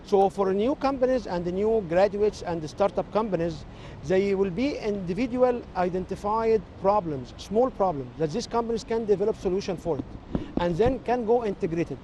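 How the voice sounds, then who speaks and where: A technology expert, a man with an Egyptian accent whose native language is Arabic, gives measured, explanatory interview answers. His voice sits high with a warm tone, and there's a little hiss or hum.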